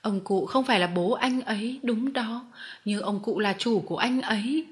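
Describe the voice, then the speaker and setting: A woman voicing a kind, gracious noblewoman who speaks softly and reasons patiently, in an audiobook reading. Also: fairly high pitch, moderate pace, natural voice. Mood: gentle. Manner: soft, reasoning, kindly. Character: gentle, gracious noblewoman, a mother.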